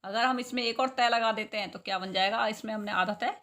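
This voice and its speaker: A woman's voice: fairly high pitch, quick pace, fairly bright tone. A woman teaching a spelling lesson to young children, patiently repeating syllables and asking questions she answers herself. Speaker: school teacher.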